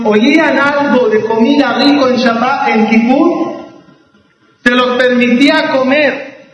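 A man teaching a religious law lesson as a rabbi, deliberate, with restarts and rhetorical questions. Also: extremely high pitch. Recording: echoey hall, distant mic, dull sound.

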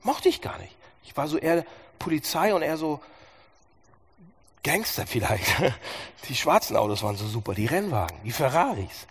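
Animated husky-voiced male preacher. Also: on the high side, normal speed. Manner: animated, sarcastic, asks the audience questions. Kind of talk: sermon.

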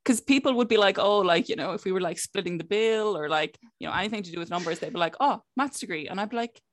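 A young woman speaks in a west of Ireland accent at a middling pitch. She tells personal stories in a casual, conversational way, often acting out little exchanges. The sound is close and dry. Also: fast, no room sound. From County Clare, west of Ireland. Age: young adult. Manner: conversational, frequent filler "like", quoting herself and others. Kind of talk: casual chat, telling personal anecdotes.

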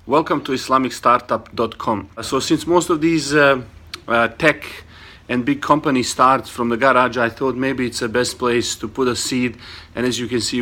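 A man with a Bosnian accent speaks to camera as the host of an informal video. His pitch is average for a man. His delivery is earnest and halting, often pausing to find the next word. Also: bright, forceful tone. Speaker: host and entrepreneur. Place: small studio set up in a garage.

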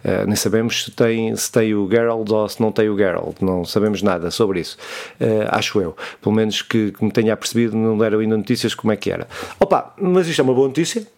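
A man's voice: fairly low pitch, fast, vocal fry, a little mellow. Rambling Portuguese man chatting games. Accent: European Portuguese. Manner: rambling, swears freely, many fillers and restarts. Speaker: podcast co-host. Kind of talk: casual gaming news chat.

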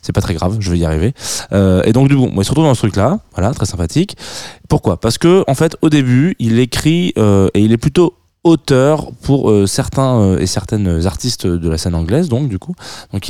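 A man's voice: on the low side, big pitch swings, brisk, warm tone, no echo, clean studio sound. A man in his thirties hosting a radio show, chatting casually with lots of hesitant fillers, restarts and self-mocking asides. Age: 30s. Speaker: radio host. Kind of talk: casual radio chat introducing a track.

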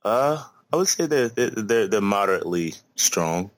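A man's voice: on the low side, expressive, moderate pace, no echo. A young man co-hosting a casual podcast, laid-back and egging his friend on. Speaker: podcast co-host. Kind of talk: casual chat.

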